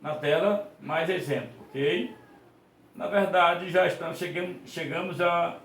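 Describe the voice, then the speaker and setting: A man's voice: on the high side, steady tone, unhurried, fairly bright tone, a little hiss or hum. A man teaching a math lesson, patiently repeating points, asking rhetorical questions and correcting himself mid-sentence. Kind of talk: explaining a lesson to students. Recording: echoey room.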